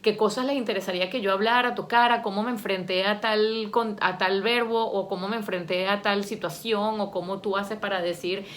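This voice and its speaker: A woman talking casually to her viewers, chatty and expressive and often laughing as she tells stories. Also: medium pitch, brisk, few pauses, a little hiss or hum. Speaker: vlogger and language learner. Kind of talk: casual talk to camera.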